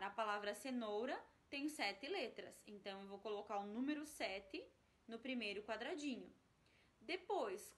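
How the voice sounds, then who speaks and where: A woman's voice: a little high, fairly bright tone. A woman teacher from Brazil, patiently walking young pupils through a workbook exercise step by step.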